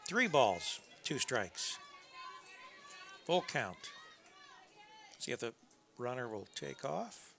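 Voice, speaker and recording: A man giving conversational, unscripted play-by-play softball commentary with folksy asides. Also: mid-range voice, big pitch swings, slow pace, vocal fry, long pauses, a little hiss or hum. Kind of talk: unscripted live sports commentary. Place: press box at a college softball field.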